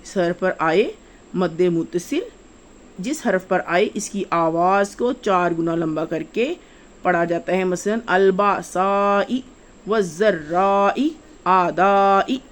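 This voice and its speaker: A woman, teaching children to read the Quran in a slow step-by-step lesson, repeating each rule and spelling out syllables with drawn-out vowels. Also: fairly low pitch.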